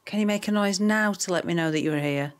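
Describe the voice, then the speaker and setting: A woman's voice: mid-range voice, brisk. A woman paranormal investigator calling out to a spirit and coaxing others, in a coaxing way.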